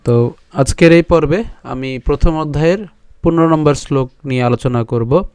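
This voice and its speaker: A man teaching a scripture class, slowly breaking verses into syllables and chanting them, often pausing to ask and answer his own questions. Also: a little high, darkish tone, clean tone, no echo, studio quality. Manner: repeats "ঠিক আছে" and asks himself questions. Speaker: Gita teacher. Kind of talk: recitation lesson on Sanskrit pronunciation.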